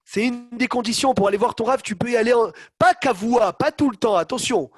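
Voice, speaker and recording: A man giving an online Torah lesson, animated, calling on students by name and acting out the quotes he tells. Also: extremely high pitch, a little fast, dry recording, studio quality. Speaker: rabbi teaching a Torah class.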